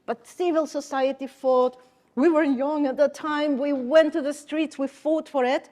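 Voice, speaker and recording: A woman's voice: high voice, steady tone, unhurried, darkish tone. A woman from Costa Rica, speaking as a conference panelist and telling her story earnestly, with emphatic repetitions.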